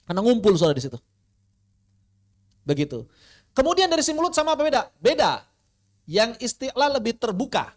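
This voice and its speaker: Tajwid teacher demonstrating drawn-out letter sounds. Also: medium pitch, sing-song. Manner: explains with rhetorical questions and answers them. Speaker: Quran recitation teacher. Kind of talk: online tajwid lesson. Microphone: online class recording.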